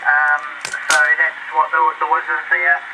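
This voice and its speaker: A middle-aged man, talking over a breaking-up ham radio link in an unhurried, halting way, often clearing his throat. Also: on the high side, completely flat delivery. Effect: heard over a crackling ham radio receiver, signal breaking up. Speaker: amateur radio operator. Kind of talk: ham radio contact chat. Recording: noisy received radio signal.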